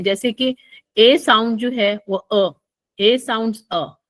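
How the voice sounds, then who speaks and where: A woman teaches pronunciation in a recorded lecture for online tutors. She explains patiently at a medium pitch, circling back over her points and pausing on small fillers as she goes. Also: a bit bright.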